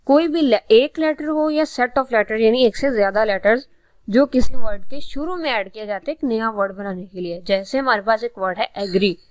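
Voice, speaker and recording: Woman, Pakistani accent, teacher, patient explaining, higher pitch, dry recording. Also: darkish tone, no room sound. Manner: patient, repeats words slowly and explains twice. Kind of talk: classroom lesson explaining vocabulary.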